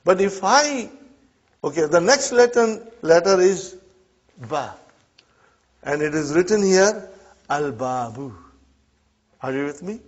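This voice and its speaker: A male Arabic teacher, not a native speaker, talks slowly in a fairly high, husky voice. He checks in with the class again and again. The recording is dull and lo-fi. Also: expressive. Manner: checks in often with "huh?" and "okay?". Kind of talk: classroom lesson.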